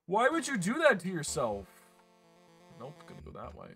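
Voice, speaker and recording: A man's voice: sits high, huge pitch swings, moderate pace, gravelly, sharp tone, breathy edge, soft background music. A man casually chatting to his live chat while playing a game, swearing and laughing often. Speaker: streamer.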